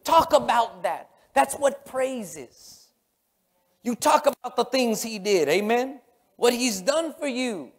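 Long reverb from a large church sanctuary surrounds a middle-aged pastor preaching on stage. His voice is extremely high and expressive, and he speaks slowly. The sermon is emphatic and repetitive, alternating between loud exclamations and hushed murmurs.

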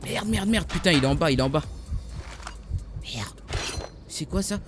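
A man's voice: fairly high pitch, moderate pace. A man with a French accent commentating his own gameplay, trash-talking opponents and talking to his viewers. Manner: trash-talking, excitable, calls viewers "les gars". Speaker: gaming YouTuber. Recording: music playing behind the voice.

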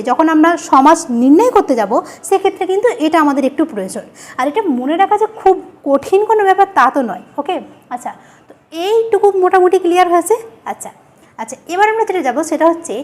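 A woman with a very high, bouncing voice leads an exam-prep grammar lesson. She poses questions to her students and answers them herself, saying each key word again, slowly. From West Bengal. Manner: repeats key words, asks and answers her own questions. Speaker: teacher.

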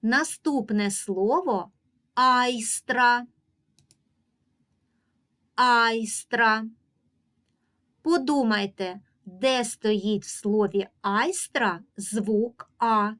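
With a mid-range voice, this teacher, a woman with a Ukrainian accent, works on reading with young kids. She pronounces example words in a slow, drawn-out way while her directions stay patient and evenly paced.

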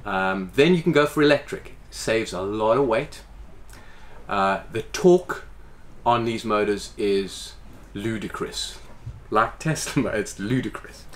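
A forty-something man who owns the boat explains things slowly and casually in an interview held in its salon, his voice on the low side. He gestures with his hands animatedly, and there's slight background noise.

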